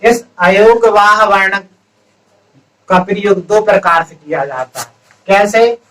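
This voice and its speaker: A man with a high-pitched voice teaches a grammar class, setting out each point patiently. He often puts a question to his students and then gives the answer himself. He sounds set back from the microphone. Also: takes it slowly, fairly bright tone, recorded from a distance, poor audio. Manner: explains step by step, asks the students questions and answers them himself. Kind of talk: classroom-style lesson.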